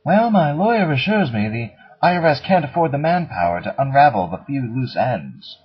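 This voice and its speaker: A man's voice: mid-range voice, sing-song, moderate pace, breathy edge. A man playing a pompous, wealthy playboy in a comedy sketch interview, with haughty, drawling airs. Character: pompous wealthy male playboy, tax-dodging snob. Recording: dull lo-fi recording.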